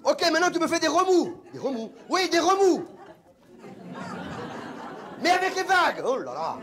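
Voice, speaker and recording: Guy doing a high shrill casting boss, bossy and impatient, voice jumping all over. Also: very animated, normal speed, a bit bright, some chatter behind, exaggerated voice. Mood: demanding. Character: pushy, excitable male commercial casting director.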